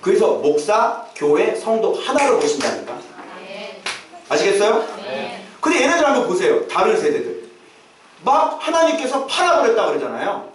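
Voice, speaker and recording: A man preaching a sermon as a pastor, who often shouts out acted calls to his congregation. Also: high-pitched, very animated, normal speed, pauses often, a little hiss or hum. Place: church sanctuary. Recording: echoey church hall, mic at a distance.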